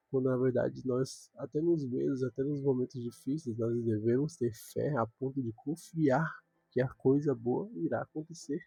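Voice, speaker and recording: A man's voice: medium pitch, gravelly, warm tone, husky, dry recording. A young man giving an earnest devotional talk, repeating words for emphasis.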